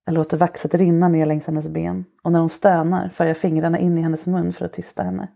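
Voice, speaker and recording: Woman podcast host reading a steamy story, slow and soft, super gravelly, dark mellow tone. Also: on the low side, little pitch movement. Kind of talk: narrated erotic short story.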